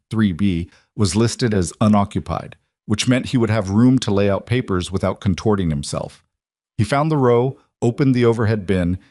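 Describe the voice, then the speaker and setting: Low-voiced male story narrator. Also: a little mellow, dry recording, studio quality.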